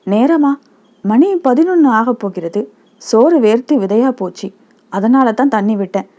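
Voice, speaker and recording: A woman voicing a meek, gentle young wife who speaks softly and appeasingly, in a storybook reading. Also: fairly high pitch, expressive, moderate pace, highs cut off, lightly acted. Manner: soft, appeasing.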